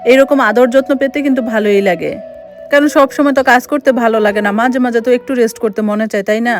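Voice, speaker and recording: A woman's voice: a little high, fairly even intonation, fast talker, soft background music, natural voice. A woman voicing a kind, outspoken young married sister-in-law in a told story. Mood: friendly. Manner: friendly, chatty, turns indignant in defense.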